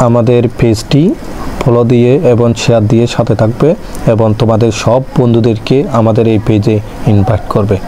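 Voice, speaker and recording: A man's voice: mid-range voice, little pitch movement, fairly quick, background noise. A young man tutoring online, explaining a grammar lesson step by step and answering his own questions. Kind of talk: exam-prep grammar lesson.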